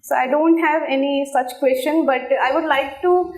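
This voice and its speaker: A woman's voice: high-pitched, fairly even intonation, moderate pace, a little mellow. A woman in her twenties with an Indian English accent, giving earnest, deferential, slightly hesitant answers as a candidate in a formal interview. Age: 20s. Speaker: candidate in a mock officer-selection interview. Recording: echoey room with faint noise.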